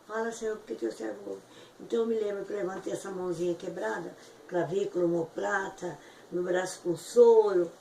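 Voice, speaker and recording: A woman giving an emotional, fervent personal testimony, her voice jumping high at the peaks. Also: fairly even intonation, a little fast, vocal fry, dark tone. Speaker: testimony giver. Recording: echoey room from far off with faint noise.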